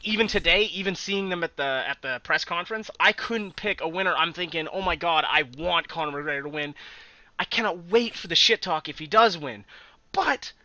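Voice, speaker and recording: A man's voice: on the high side, pushed and bright, no echo. A man co-hosting a casual podcast, talking animatedly with frequent laughs and the odd swear word. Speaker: podcast co-host. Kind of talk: casual sports chat.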